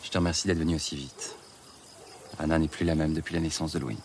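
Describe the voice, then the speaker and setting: A man's voice: rumbling low, fairly even intonation, quick pace, background noise. An actor playing a worried husband and father who speaks sternly and anxiously.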